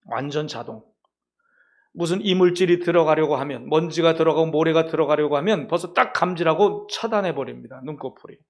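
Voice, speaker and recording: A man's voice: a little high, fairly quick. A male pastor preaching a sermon, emphatic and putting rhetorical questions to his congregation.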